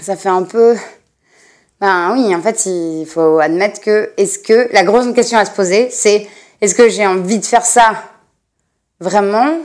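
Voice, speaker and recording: A woman's voice: medium pitch, unhurried, darkish tone. A young woman hosting her own podcast, talking casually and rambling with many fillers and restarts. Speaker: podcast host. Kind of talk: casual personal podcast monologue.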